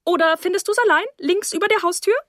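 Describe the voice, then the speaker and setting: A woman voicing a brisk, sporty middle-aged wife who talks crisply and in a hurry, raising her voice above her usual one. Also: very high voice, fairly bright tone, no echo, studio quality, voice pushed up. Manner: crisp, hurried, briskly chatty.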